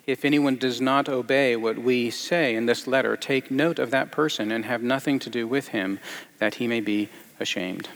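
A man reading scripture and then preaching a sermon in a halting way, with many fillers and restarts. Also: medium pitch, vocal fry, in a large hall. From grew up partly in Iceland.

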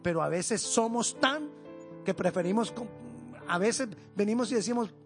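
A man preaching a sermon, reading scripture and pleading earnestly, often dropping to a soft, hushed voice. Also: high-pitched, expressive, normal speed, music in the background.

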